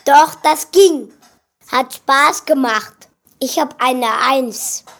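An eager, proud little schoolboy who insists on getting his way. The voice sits high and the pace is unhurried. This is a children's audio drama. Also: a bit bright, exaggerated voice.

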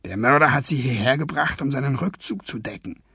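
A man voicing a calm, commanding male detective with a clipped, matter-of-fact delivery in a husky voice. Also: mid-range voice, brisk, no room sound, studio quality, exaggerated voice. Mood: low, calm.

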